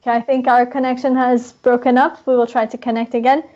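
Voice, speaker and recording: A woman's voice: a little high, level tone, fast talker, darkish tone. A woman moderating an online panel, introducing guests politely with frequent fillers. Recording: muffled online broadcast audio.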